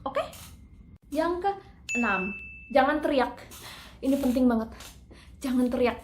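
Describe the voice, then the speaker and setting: A high-voiced woman coaches singing in a relaxed, talkative way and demonstrates each point with sung operatic lines. The room around her is echoey. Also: slow pace, background noise. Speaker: singing teacher. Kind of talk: casual singing lesson.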